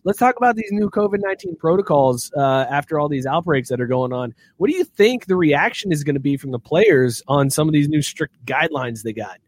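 A man's voice: a little high, expressive, a little fast, few pauses. A man hosting a casual sports podcast, joking and laughing often as he leads the topics. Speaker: podcast host.

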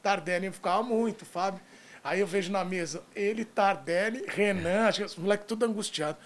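A man's voice: sits high, brisk. A man hosting a casual talk show, chatting and prompting his guests to tell stories. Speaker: show host and sports journalist. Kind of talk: casual interview chat.

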